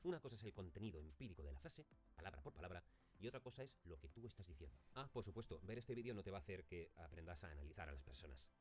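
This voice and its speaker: A man's voice: sits low, big pitch swings, very fast, a little mellow. A man, a teacher giving a recorded lesson on intonation and demonstrating stressed words in example phrases. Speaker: speech teacher.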